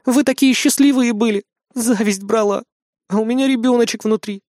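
Man doing a desperate young woman in an audiobook, shrill, pleading, very high. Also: steady tone, moderate pace, darkish tone, dry recording, studio quality. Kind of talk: audiobook reading.

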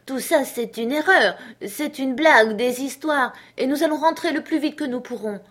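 A woman reading an audiobook, voicing a kindly, anxious older woman housekeeper who pleads in a soothing, hushed way. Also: sits high, normal speed, voice pushed up. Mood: pleading, soothing.

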